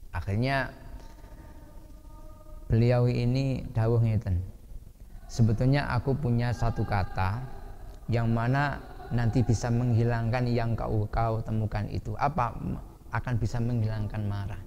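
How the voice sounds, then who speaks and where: A man with a Javanese accent giving a lively Islamic study sermon, asking his listeners questions and acting out angry shouting. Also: medium pitch, measured pace, pauses often, highs cut off, slight background noise. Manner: lively, asks the audience questions, acts out shouting. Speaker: ustadz teaching a hadith class. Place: boarding school study hall. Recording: reverberant hall with faint ambience.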